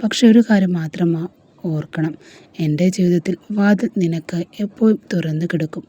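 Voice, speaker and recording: A woman voicing a devoted young man who gently reassures the woman he loves, in a storybook reading. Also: lowish voice, moderate pace, breathy edge, lo-fi sound. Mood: tender.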